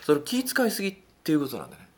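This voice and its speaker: A man talking through dating advice in a casual monologue, animated and acting out little quotes, with a self-affirming "un" between points. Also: very fast. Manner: animated, swoops widely in pitch, acts out quotes.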